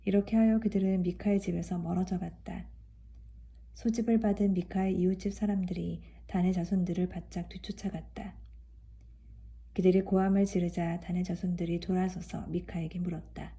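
Low, very dark-voiced woman reading scripture. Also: little pitch movement, moderate pace. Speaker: scripture reader.

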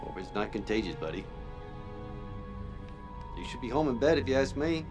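A man's voice: mid-range voice, animated, normal speed, over music, lightly acted. An actor playing a wary, teasing male security guard in a video game, casual and needling. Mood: wary, dismissive.

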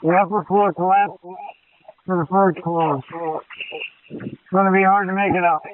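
A man's voice: sits high, steady tone, unhurried, background noise. A man speaking as a firefighter over two-way radio, delivering urgent, clipped reports from the field. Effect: two-way radio transmission. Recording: narrowband fire radio transmission.

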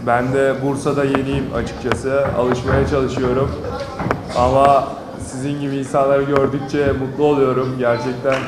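A man's voice: mid-range voice, monotone, moderate pace. A young man, a basketball player introducing himself at a panel with a handheld microphone. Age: young adult. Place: school auditorium. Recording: noisy echoey hall.

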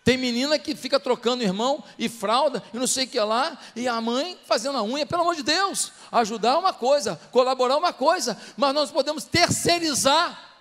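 A man's voice: extremely high pitch, fast, hardly any pauses, a bit bright, in a large hall. A man preaching a sermon as pastor in a church, full of passionate rhetorical questions to the congregation.

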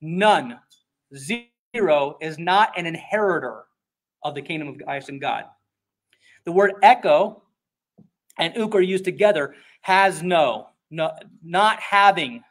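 A man preaches an expository sermon, conversational yet emphatic, often dropping into quick acted-out voices. His pastor's voice is a little high.

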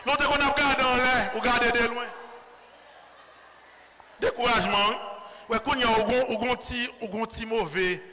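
A man with a Haitian accent, a priest delivering a fervent sermon in church and often shouting out to the congregation. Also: extremely high pitch, normal speed, long pauses, over a noisy crowd. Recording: loud background noise.

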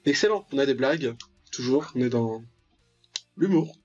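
Over game music, a man with an expressive, slightly mellow medium-pitched voice hosts a gaming video at normal speed, offering casual, joking commentary on the gameplay. The lo-fi mic sounds dull, with music behind him.

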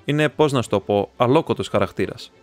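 A man reading the part of a talkative, excitable young male student who rambles, chats and teases his friend. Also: mid-range voice, dry recording, soft background music, lightly acted. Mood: chatty. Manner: rambling, chatty, teasing.

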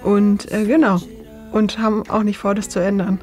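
A woman's voice: medium pitch, flat delivery, normal speed, a little mellow, soft background music. Chatty woman in her late twenties. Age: 20s. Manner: chatty, laughs often, many fillers. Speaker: documentary interviewee. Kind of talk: casual interview chat. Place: cinema auditorium.

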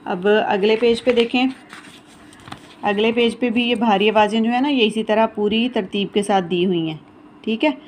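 A woman gives a recorded lesson to small children. She sounds out each letter slowly and patiently, repeating herself and pausing to check that the class is following. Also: fairly high pitch, a little mellow, a little hiss or hum. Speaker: teacher.

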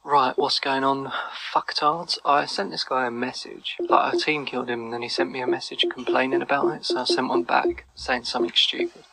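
Gravelly, mocking young-sounding man. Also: mid-range voice, big pitch swings, a little fast, hardly any pauses, a crowd in the background, poor audio. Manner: mocking, taunting. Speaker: gamer, prankster. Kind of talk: casual commentary over voice clips.

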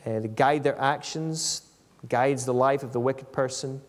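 This preacher, a man in his forties with a mid-range voice, works through an expository sermon by reading scripture and commenting in a measured, explanatory style. The sound comes from a stand microphone at a lectern in an indoor church hall, echoey with long reverb.

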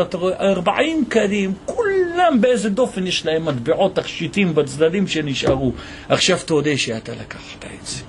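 A man teaching a Torah lesson as a rabbi, telling a story with animated voices for its characters. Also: sits high, a little hiss or hum. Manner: animated storytelling, voicing the people in the tale.

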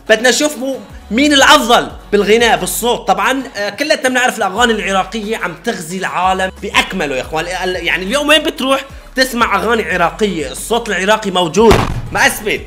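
A man's voice: high voice, pushed and bright. A man hosting a reaction video, chatty and eager, calling his viewers brothers. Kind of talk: casual reaction commentary.

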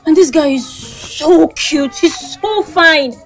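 A woman's voice: sits high, slow, faint music behind. An actress with a Nigerian accent playing a lovesick, dramatic, determined young woman in a comedy skit. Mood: exasperated longing. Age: young adult. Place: outdoors in a street and inside a small shop.

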